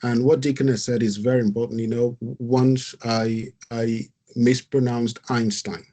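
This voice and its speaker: A man's voice: mid-range voice, level tone, unhurried, warm tone. A man pastor giving earnest advice in an online talk over a video call, often repeating his words. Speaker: pastor and facilitator.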